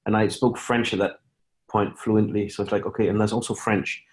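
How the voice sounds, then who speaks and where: A middle-aged man from Denmark talks through his story as a podcast guest, in a fairly low voice. He stumbles and restarts often, piling up fillers as he goes. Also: flat delivery. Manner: halting, many restarts and fillers. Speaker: guest, company founder. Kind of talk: casual interview talk.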